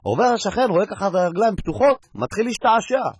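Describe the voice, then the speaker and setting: A man telling a string of jokes, animated and acting out the characters and sound effects. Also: sits high, husky. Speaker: joke teller.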